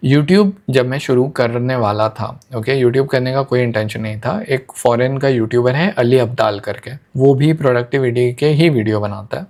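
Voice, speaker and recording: Young guy chatting thru money lessons, mid-pitched voice, easygoing hinglish with lots of examples. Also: moderate pace, few pauses, a little mellow. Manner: conversational, mixing Hindi and English, uses everyday examples. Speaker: YouTube educator explaining a finance book. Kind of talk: casual explanatory talk to students.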